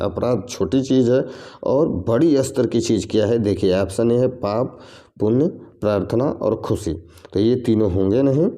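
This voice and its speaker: A man teaches reasoning for entrance exams. His voice is low-pitched and very dark and mellow. He explains patiently, repeating each question and option before giving the answer. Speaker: exam coaching teacher. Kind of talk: reasoning lesson for competitive exams.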